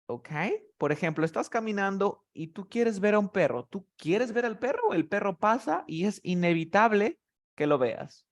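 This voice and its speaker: A man's voice: high voice, sing-song, moderate pace. A man teaching English vocabulary in a tutoring session, explaining words patiently step by step.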